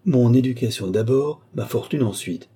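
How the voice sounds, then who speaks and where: A man's voice: medium pitch, normal speed, mellow, breathy edge. A man voicing a proud, defiant young peasant in an audiobook, in a cool, defiant manner. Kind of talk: audiobook character reading.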